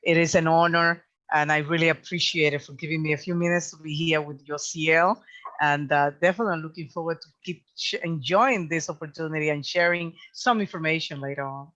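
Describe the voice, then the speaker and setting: A woman's voice: sits low, fairly even intonation, a little fast, fairly bright tone. A woman who is a business coach, speaking graciously and formally as an interview guest. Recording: muffled lo-fi call audio.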